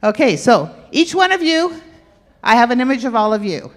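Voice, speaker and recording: A woman's voice: on the high side, big pitch swings, moderate pace. A woman giving an interactive health talk, playfully quizzing her audience with questions. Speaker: health workshop presenter. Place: church hall with stage and aisle. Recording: echoey hall.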